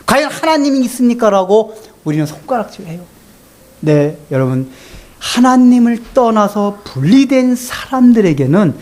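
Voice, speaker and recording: A middle-aged man, a pastor, preaching a sermon in an animated way, often repeating words as he starts a phrase and acting out quoted voices. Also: high-pitched. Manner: animated, acts out quoted voices of father and son.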